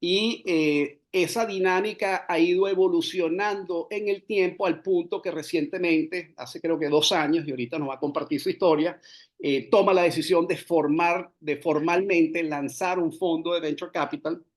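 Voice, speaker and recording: A man's voice: fairly high pitch, fairly even intonation, moderate pace. Fluent man hosting a business podcast. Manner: fluent, mixes English business terms into Spanish; frequent "eh" fillers. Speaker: podcast host. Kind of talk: scripted interview introduction.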